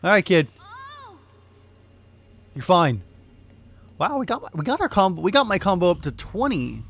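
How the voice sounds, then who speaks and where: A man's voice: sits high, very animated, normal speed, gravelly, a bit bright. A man hosting a let's play, giving casual gameplay commentary with a blunt manner, swearing and exclaiming.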